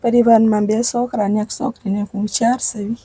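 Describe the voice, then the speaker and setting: A woman speaks through tears, halting and pleading. Her voice sits high but has a husky, mellow tone. The recording is close and dry. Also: level tone, no room sound. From Gujarat. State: crying. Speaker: interviewee, widowed mother. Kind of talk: emotional testimony.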